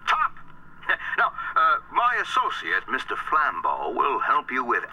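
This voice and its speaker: Brief: a bluff game tycoon on a call, sharp bright voice, lively, faint noise. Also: male voice, mid-range voice, measured pace, exaggerated voice, low-quality recording. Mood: jovial. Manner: jovial, bluff. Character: hearty middle-aged male tycoon on the telephone.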